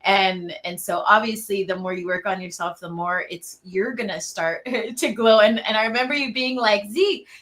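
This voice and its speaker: A woman's voice: mid-range voice, moderate pace, hardly any pauses, a bit bright. A woman hosting the interview and coaching her guest, speaking casually and laughing along. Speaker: host, coach running the program.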